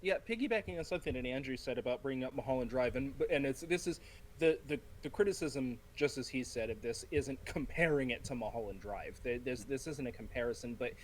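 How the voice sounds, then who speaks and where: A man in a casual film discussion who argues his points with animated storytelling. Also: medium pitch, brisk, slight background noise, low-quality recording. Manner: animated storyteller who acts out quoted lines. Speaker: podcast panelist.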